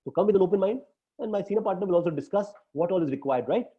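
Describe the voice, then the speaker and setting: A man's voice: sits high, expressive, very fast. A man with an Indian English accent coaching his team in an emphatic way, often ending with tag questions. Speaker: business coach. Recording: dull lo-fi recording.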